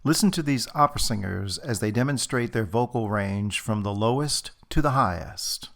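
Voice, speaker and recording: A man narrating a recorded music lesson, explaining things clearly in a teaching manner. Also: fairly low pitch, moderate pace, fairly bright tone.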